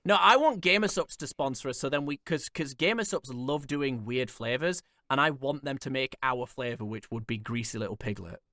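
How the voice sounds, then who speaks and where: Guy ranting on a podcast, bright and punchy, really dry sound. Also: medium pitch, normal speed, few pauses, no echo. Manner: excitable, swears a lot. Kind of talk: casual podcast chat.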